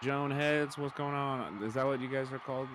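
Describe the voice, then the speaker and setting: A man's voice: medium pitch, fairly even intonation, moderate pace, background noise. A man co-hosting a livestream as a fellow streamer, talking in a loose, joking, chatty way. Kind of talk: casual livestream chat.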